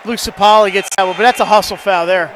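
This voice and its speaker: A man calling live high school basketball play-by-play, quick and jokey, his voice jumping up on big plays. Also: fairly even intonation, fairly bright tone, a little hiss or hum. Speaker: play-by-play announcer.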